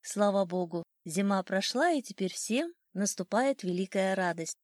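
A woman narrating a classic children's story in an expressive, lilting reading. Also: mid-range voice, normal speed, no echo, studio quality.

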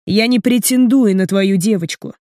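A woman's voice: medium pitch, normal speed, warm tone, no echo, clean studio sound, lightly acted. A woman reading the lines of a cold, commanding man in his late thirties, clipped and stressing each word.

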